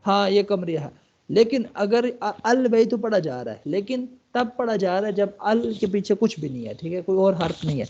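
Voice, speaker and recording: High mellow-voiced guy from pakistan teaching arabic online, slow careful explaining, muffled call audio. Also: animated, creaky. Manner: explains step by step, reads English lines aloud slowly, keeps checking with "okay?". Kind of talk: online language lesson.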